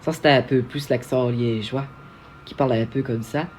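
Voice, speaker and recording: A man's voice: mid-range voice, fairly even intonation, moderate pace, a little hiss or hum. A young man from Belgium, hosting a casual livestream and answering viewer questions in a chatty, self-mocking way with frequent restarts. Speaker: livestream host.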